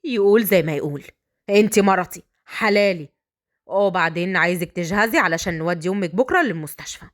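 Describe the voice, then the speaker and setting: Cocky young guy, done by a woman storyteller, deep and teasing, talks fast. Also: natural voice. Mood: taunting. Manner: provoking, teasing. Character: arrogant young man, the mayor's son.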